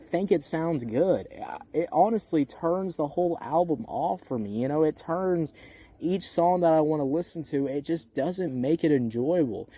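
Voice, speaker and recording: Here's a critic talking through an album in a relaxed, opinionated way, the voice mid-range and mellow. Bluntness runs throughout, along with casual swearing and repetition to hammer points home.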